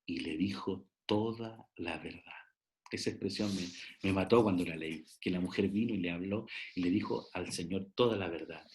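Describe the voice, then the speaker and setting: Emphatic, lower-voiced male theology teacher. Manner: emphatic, addresses listeners directly with frequent "eh" restarts. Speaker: theology professor. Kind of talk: preaching-style lecture.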